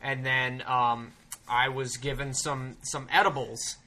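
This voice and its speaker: A young man co-hosting a casual podcast, telling a rambling, profane, animated story. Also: mid-range voice, slow pace. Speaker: podcast co-host.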